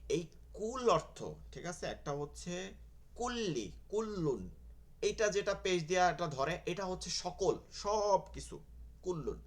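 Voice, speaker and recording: A man's voice: high-pitched, lively intonation, unhurried. Patient man teaching Quran letters. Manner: patient, repeats letters and asks "okay?" often. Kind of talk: online Quran pronunciation class.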